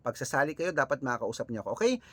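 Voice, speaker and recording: A man from the Philippines hosting a casual vlog, chatting with viewers and reading out lucky numbers in a lively way. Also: mid-range voice, rapid-fire, a little hiss or hum. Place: early morning, on his way out, with cars passing.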